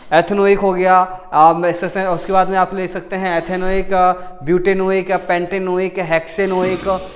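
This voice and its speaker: Often correcting himself, a man explains chemistry in relaxed classroom talk, posing questions he then answers and stressing key words through repetition. His voice sits high.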